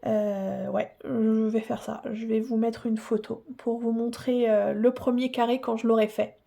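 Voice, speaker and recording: A woman's voice: a little high, little pitch movement, measured pace, vocal fry, mellow. A woman hosting a casual unboxing vlog who gushes and repeats herself, with many hesitant fillers. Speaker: hobby channel host.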